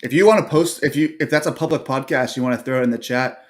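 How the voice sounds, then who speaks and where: A man co-hosting a casual livestream chat, walking through a product in a relaxed way with many fillers. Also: mid-range voice, fast. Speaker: co-host.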